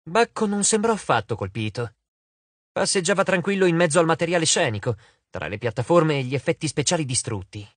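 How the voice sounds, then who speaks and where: A man narrating an audiobook with expressive storytelling. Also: on the high side, fairly quick, dry recording.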